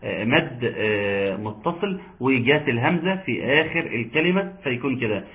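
A man with an Egyptian accent teaching Quran recitation in an online lesson. He explains patiently and chants verses slowly. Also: medium pitch, expressive. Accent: Egyptian Arabic. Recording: tinny phone-like line.

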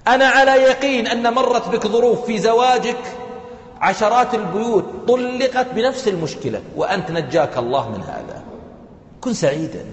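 High-voiced Gulf Arabic preacher in a hall. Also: male voice. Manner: conversational, rhetorical questions and acted quotes. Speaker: preacher and family counselor. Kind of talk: live sermon to an audience. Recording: echoey hall.

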